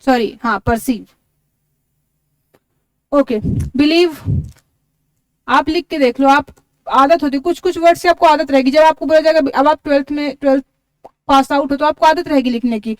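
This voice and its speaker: A woman's voice: high voice, moderate pace, long pauses, dry recording. A woman teaching an exam-prep lesson, explaining step by step and spelling words out letter by letter. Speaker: English teacher.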